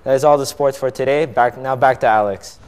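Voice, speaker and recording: A man's voice: medium pitch, a little fast, a little hiss or hum. A young man reads school sports announcements from a script, stumbling now and then. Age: teenager to young adult. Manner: reading from a script, stumbling at times. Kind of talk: read-out school sports news. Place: indoor school set, seated. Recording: reverberant room.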